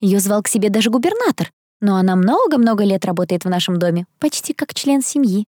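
A woman's voice: medium pitch, very animated, a little fast, darkish tone, no room sound, clean studio sound. A woman voicing a chatty, spoiled, dreamy young female student in an audiobook. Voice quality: bubbly, talkative. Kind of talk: audiobook character voice.

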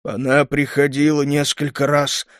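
A man voicing a huge, gruff old male kobold smith who talks in a slow growling rumble. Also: no echo, studio quality. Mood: hoarse remorseful. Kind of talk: audiobook character reading.

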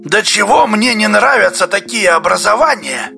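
A feverish, excitable geologist, as a male reader puts him on, with a high, agitated voice that keeps breaking into shouts. Faint music plays behind him in this audiobook reading. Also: normal speed, gravelly, exaggerated voice. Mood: uneasy.

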